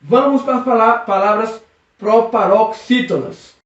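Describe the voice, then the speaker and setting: A man teaching a recorded video lesson, patiently drawing out syllables and checking in with "okay?" again and again. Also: sits high. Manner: patient, drawn-out stressing of syllables, constant check-ins. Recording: echoey room, distant muffled mic.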